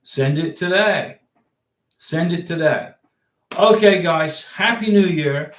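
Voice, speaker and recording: A man with a somewhat high voice hosts a casual livestream Q&A, reading out viewer questions and answering in a loose, rambling way. The sound is echoey, like a bare room at home. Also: takes it slowly. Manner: chatty, rambling, reads viewer questions aloud. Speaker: livestream host giving immigration advice.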